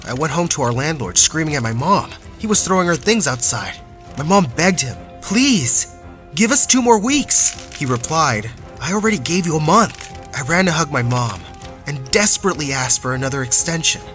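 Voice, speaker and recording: A man's voice: medium pitch, pushed and bright. A young man narrating a first-person story in an earnest, dramatic way, from a script. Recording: faint background music.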